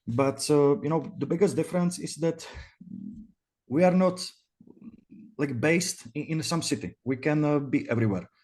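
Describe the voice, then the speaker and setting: A man in his twenties from the Czech Republic with a Czech accent, giving casual interview answers in a halting, hesitant way. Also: fairly high pitch, a little mellow. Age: 20s. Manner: hesitant, halting delivery full of pauses. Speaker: interview guest, virtual cam studio owner.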